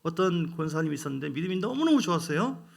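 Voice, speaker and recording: A male pastor preaching a sermon, swinging from loud emphatic rises to quiet, hushed asides. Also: on the high side, sing-song, quick pace, vocal fry.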